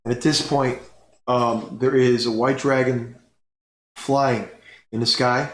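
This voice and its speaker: Game master, male, slow measured narration in a roomy space with faint hiss. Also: medium pitch, steady tone. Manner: slow, unhurried storytelling with fillers.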